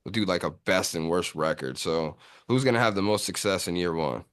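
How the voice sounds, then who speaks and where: A man hosting a casual sports podcast, talking in relaxed slangy banter and calling his friends bro. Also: low-pitched, fairly quick, smooth. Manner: laid-back slangy banter, says bro often. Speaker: podcast host.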